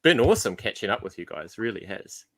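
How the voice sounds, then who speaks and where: A man's voice: on the low side, sing-song, fast, crowd noise. A middle-aged man with a New Zealand accent, hosting a casual livestream chat and joking often. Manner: joking, chatty. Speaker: livestream host.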